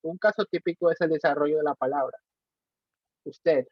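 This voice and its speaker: A man presenting to his class, reading in a plain, even way. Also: on the high side, moderate pace, breathy edge, dry recording. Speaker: student presenter. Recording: dry, dull lo-fi call audio.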